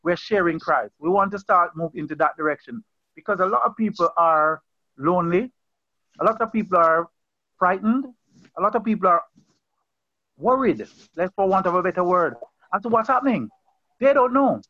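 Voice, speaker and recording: A high-voiced pastor leads an online Bible study, giving an informal sermon over a video call. He's animated, earnest and conversational at normal speed, pausing often, repeating phrases and restarting, and the call audio is dull with no room sound.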